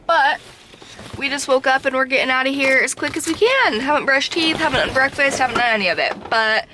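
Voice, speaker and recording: Woman vlogger, slightly high, chatty and candid, lots of "like," noisy outdoor audio. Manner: chatty, fillers of "like"; openly emotional. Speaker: travel vlogger. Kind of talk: casual vlog chat. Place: outdoors on a road trip, in and around a camper. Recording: outdoor background noise.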